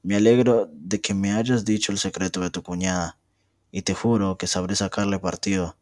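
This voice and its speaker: A man's voice: sits low, fairly even intonation, normal speed, dry recording, studio quality, close to an everyday voice. A young man reading aloud as a bitter, vengeful man who speaks in resentful threats. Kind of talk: amateur reading of a novel.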